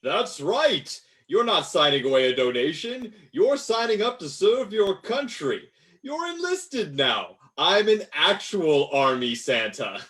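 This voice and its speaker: A man's voice: sits high, big pitch swings, measured pace, sharp tone, exaggerated voice. A man voicing a bossy male Santa who acts as a military recruiter, barking orders. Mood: stern.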